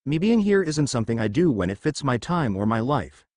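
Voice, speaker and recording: A man's voice: medium pitch, sing-song, a little fast, darkish tone, no room sound. A man doing a blunt, caring teen ninja. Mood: earnest. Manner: dry and frank.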